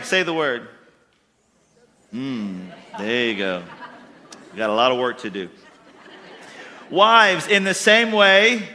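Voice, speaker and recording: In a church hall with long reverb, a pastor preaches to his congregation with a bright, slightly high voice. His style is folksy and emphatic, pressing points and climbing into louder bursts.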